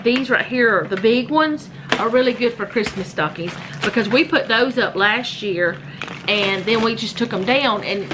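There's background noise as a woman with a slightly high voice films a casual show-and-tell vlog at home on her handheld phone. Showing off household items, she rambles and corrects herself along the way.

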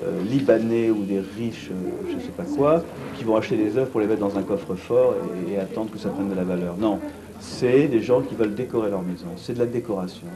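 A middle-aged man seated in a gallery cellar, answering an interview in a blunt, brisk way with many restarts. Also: on the low side, a crowd in the background, poor audio. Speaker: art fair organizer. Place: vaulted brick gallery cellar, indoors.

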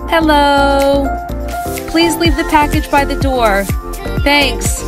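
A woman's voice: high voice, slow pace. A homeowner giving brief, polite instructions through a doorbell camera speaker, as a woman in a scripted commercial. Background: loud music.

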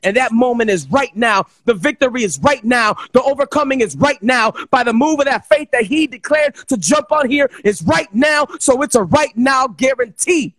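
A host prays over a guest in fervent, improvised exhortation, preaching emphatically at normal speed with hardly a pause. His voice is extremely high, expressive and a bit bright, and the recording has no room sound.

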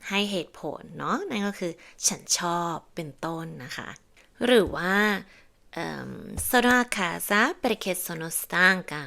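Gravelly-voiced woman teaching grammar. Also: lowish voice, lively intonation, a bit bright. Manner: explains patiently, repeats examples slowly. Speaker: Italian language teacher. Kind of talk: online grammar lesson.

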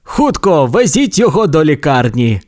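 A man's voice: a little high, very animated, normal speed, darkish tone, pitched above the performer's own voice. A man doing Сирник, a boastful cheerful tow truck. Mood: urgent. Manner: proud, boastful tall-tale teller. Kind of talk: storybook character voice.

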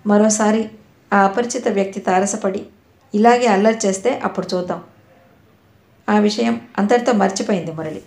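Mellow woman narrating an audio novel. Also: medium pitch, moderate pace, creaky, long pauses. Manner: steady storytelling. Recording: roomy echo.

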